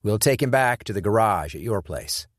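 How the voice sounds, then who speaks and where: A man voicing a tough former soldier in an audiobook thriller, speaking in clipped, forceful commands. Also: fairly low pitch, lively intonation, normal speed, no room sound, clean studio sound, lightly acted.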